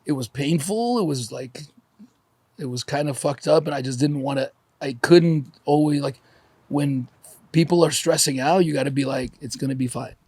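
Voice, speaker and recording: A man in his forties opens up on a podcast, profane and candid, holding back tears. His slightly raised voice is rough with fry and a husky grain. The sound is dry and close, with no room around it. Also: fairly high pitch, moderate pace, a little mellow, no room sound. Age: 40s. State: teary. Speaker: podcast guest.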